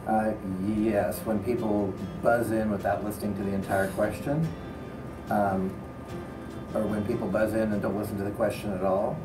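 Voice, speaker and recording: A man's voice: fairly low pitch, steady tone, moderate pace. A middle-aged man, a teacher and coach, answering casually in an interview. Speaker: teacher and quiz team coach being interviewed. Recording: echoey, distant mic, music over it. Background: music.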